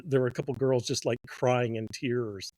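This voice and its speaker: A middle-aged man co-hosting a casual podcast chat, speaking in a measured way and asking plain questions. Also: medium pitch, steady tone, darkish tone, dry recording. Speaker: podcast co-host.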